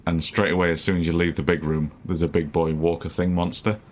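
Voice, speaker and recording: Podcast co-host, man, very low voice, sweary and jokey. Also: flat delivery, a little fast, slight background noise. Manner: swears freely, laughs often, acts out quotes. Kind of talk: casual chat.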